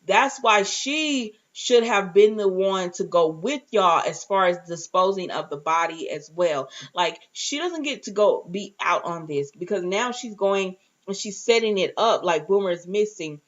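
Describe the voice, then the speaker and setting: On dull-sounding audio, a woman with a medium-pitched, unhurried voice recaps a TV show in a relaxed, chatty way. As reviewer and host, she retells the dialogue and throws in her own reactions and acted-out asides.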